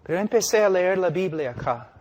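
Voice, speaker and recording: A middle-aged man preaching a sermon with passion, swinging between loud declarations and hushed emphasis, full of rhetorical questions. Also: high-pitched, animated, fairly quick. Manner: rhetorical questions and vivid storytelling. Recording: long reverb of a large hall.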